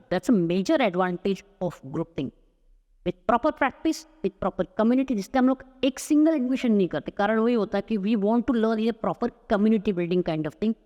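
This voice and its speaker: A man's voice: sits high, darkish tone. A man from Maharashtra coaching spoken English in a podcast interview. He talks emphatically, stacking promises and examples. His voice carries a long reverb from the room. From Maharashtra, India. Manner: emphatic, mixes Hindi and English.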